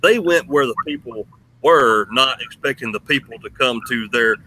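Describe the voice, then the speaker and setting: A man with a bright, forceful voice at a middling pitch. He speaks conversationally, as the interviewer in a religious discussion. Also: moderate pace, slight background noise, poor audio. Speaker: interviewer, host.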